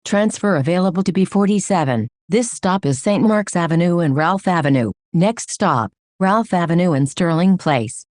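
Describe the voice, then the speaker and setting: A woman giving automated bus stop announcements in measured, evenly paced phrases. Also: on the low side, a little mellow, no echo, studio quality. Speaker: transit announcer.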